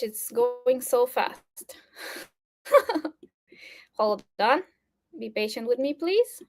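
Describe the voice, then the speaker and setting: A woman from Romania giving an earnest presentation over a video call, with fillers and restarts. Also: high-pitched. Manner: earnest, with fillers and restarts, briefly flustered by tech trouble. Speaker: speaker at an online talk. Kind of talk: presentation talk.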